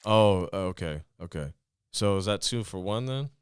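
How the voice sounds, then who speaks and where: A young man from Northern California, a guest actor, chatting casually on a podcast in an animated, joking, profane way. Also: low voice, measured pace, slight background noise.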